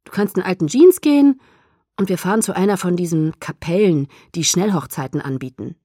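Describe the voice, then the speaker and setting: A calm young man who teases with quiet amusement, as a woman reads him in an audiobook. The sound is close and dry, with no room around it. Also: lowish voice, brisk, no echo. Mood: calmly teasing. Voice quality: calm, gently teasing. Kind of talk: audiobook reading.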